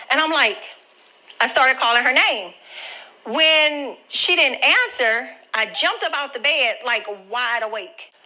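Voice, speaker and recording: A woman's voice: on the high side, bright, forceful tone, low-quality recording. A grandmother telling viewers a personal story in a chatty, direct way. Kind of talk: casual storytelling to camera.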